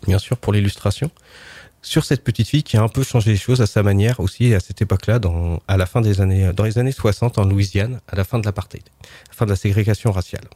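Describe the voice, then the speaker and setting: A man's voice: lowish voice, fast, mellow, dry recording. A man presenting book picks on a casual book show, chatty and hesitant with many fillers.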